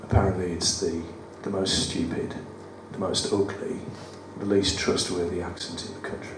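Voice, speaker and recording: A performance poet with a low, croaky voice and a West Midlands accent gives a flat delivery at normal speed as he reads his poems at a live cabaret event, with wry, self-deprecating banter between them. He is far from the mic in a roomy studio theatre, where room noise and audience ambience can be heard.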